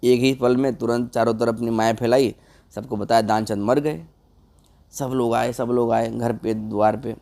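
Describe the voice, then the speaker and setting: A man's voice: medium pitch, steady tone, moderate pace, vocal fry, dark tone. Man telling a comic folk tale. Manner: loose, conversational retelling. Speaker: storyteller.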